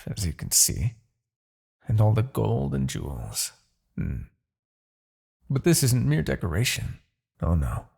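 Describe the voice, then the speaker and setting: In an ASMR roleplay monologue, a man voices an arrogant, possessive demon king fixated on his captive hero, using a lowish, somewhat mellow, gravelly and husky voice. He exaggerates it theatrically, deliberate as he shifts between murmurs and outbursts.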